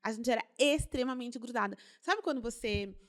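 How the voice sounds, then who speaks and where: Brief: young woman, podcast co-host, lively and laughing, higher pitch. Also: moderate pace. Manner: animated, laughs often, repeats words for emphasis. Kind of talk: casual podcast chat.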